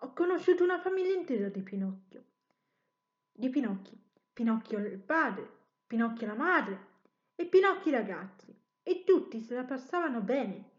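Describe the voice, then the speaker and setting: A woman's voice: high-pitched, sing-song, moderate pace, roomy sound, muffled recording. A woman voicing Geppetto, an old woodcarver. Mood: musing. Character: old male woodcarver, a gruff but tender father.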